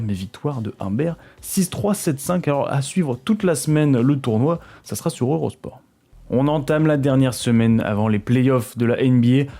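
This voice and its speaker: This French man has a warm, mid-range voice and presents a weekly sports news roundup in a chatty style. He talks straight to his viewers and stumbles over foreign names.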